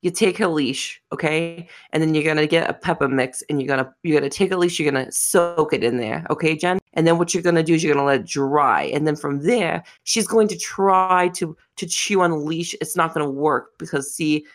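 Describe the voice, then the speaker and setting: A man's voice: on the high side, fairly quick, hardly any pauses, a bit bright. Woman doing a middle-aged New York father, bossy and matter-of-fact, barking orders in steps. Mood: instructive. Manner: bossy, step-by-step, repeating "okay?". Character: blunt middle-aged dad giving home-remedy orders.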